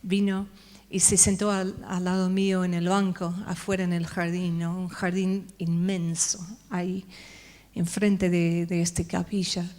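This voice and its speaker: A woman's voice: fairly low pitch, flat delivery, mellow. A woman speaker at a church conference, telling her personal testimony as a sermon in a reflective storytelling manner, often checking in with the audience. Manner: slow, reflective storytelling with tag questions.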